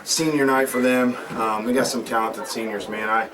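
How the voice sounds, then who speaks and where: A man's voice: medium pitch, fairly even intonation, moderate pace, background noise. A man, a head football coach, giving a postgame interview, earnest and repetitive with many ums. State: recovering breath after running. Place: outdoors at a stadium after a game. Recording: distant mic with loud crowd.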